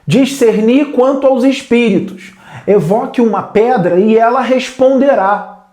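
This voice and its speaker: A man's voice: very high-pitched, a little slow, darkish tone, roomy sound. A man with a Brazilian Portuguese accent giving a blunt, scolding spiritual lecture as a medium.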